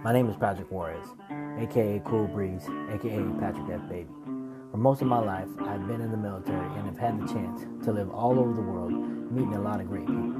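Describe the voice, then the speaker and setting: A middle-aged man hosting a casual podcast interview, friendly and halting with many fillers. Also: lowish voice, loud music behind the voice. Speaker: podcast host.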